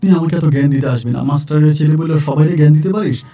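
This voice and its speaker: A man's voice: fairly high pitch, fast, warm tone, far from the mic, lightly acted. A man voicing his hot-tempered young wife as she snaps harsh insults, in a true-life story he tells. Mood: scornful.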